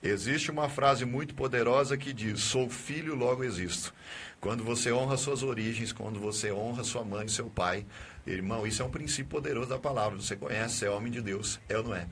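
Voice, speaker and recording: A man's voice: medium pitch, a little fast, a bit bright, a little hiss or hum. A man, a pastor hosting a religious radio call-in, affirming and exhorting his caller. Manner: affirming, exhorting, often adds "né?".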